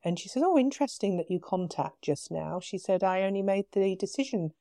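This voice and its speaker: A woman with a British accent, a podcast guest, telling her story in a casual, animated way with quoted dialogue. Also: medium pitch, fairly quick, no room sound, studio quality. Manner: animated retelling with quoted dialogue, frequent laughs.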